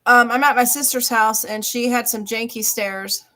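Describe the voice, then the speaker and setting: A woman hosting a casual group call, telling a story in an animated, chatty way with quick asides. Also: on the high side. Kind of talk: casual chat.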